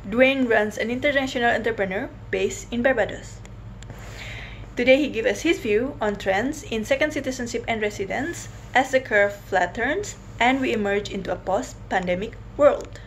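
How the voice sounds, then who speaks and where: A woman with a fairly high voice reads a scripted podcast introduction, clear and bright in delivery. A faint hiss of noise lies behind her. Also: moderate pace. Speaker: podcast presenter.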